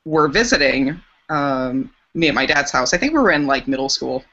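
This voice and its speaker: Wry low-voiced young woman telling a story. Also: lively intonation, moderate pace, sharp tone, muffled recording. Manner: wry, teasing storyteller who swears casually. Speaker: podcast co-host. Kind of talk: casual chat.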